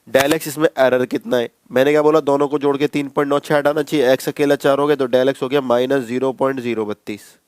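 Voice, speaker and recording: A man's voice: mid-range voice, fairly even intonation, quick pace, a little mellow, smooth. A man teaching a maths class, talking students through each step in a casual, repetitive way and calling them bhai. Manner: conversational, addresses students as bhai, repeats steps. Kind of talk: classroom lecture.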